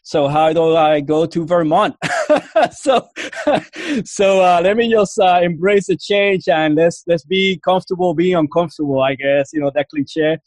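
Appearing as an interview guest, a man from Puerto Rico with a Cuban accent tells the casual story of how he ended up in the Army. His voice is slightly high, and he speaks unhurriedly but rambles, doubling back, restarting, and leaning on fillers. The recording is dry and close with no echo or room sound.

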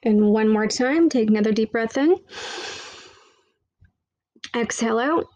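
A woman leading a guided meditation with soothing, hushed, intimate delivery and repetitive, hypnotic phrasing, close on the microphone. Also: fairly high pitch, measured pace, dry recording.

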